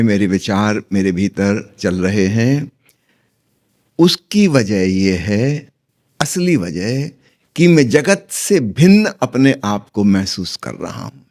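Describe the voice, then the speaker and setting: Calm male spiritual teacher. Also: mid-range voice. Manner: calm, explanatory, with humorous anecdotes. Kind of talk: spiritual discourse.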